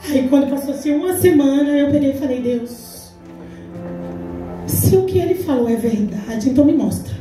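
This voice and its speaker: At a church women's congress, a Brazilian deaconess in her forties preaches an emphatic testimony at normal speed, her voice sitting high, and plays out the dialogue she retells. She has a Brazilian Portuguese accent; the recording is distant and echoey in a large church hall with faint music.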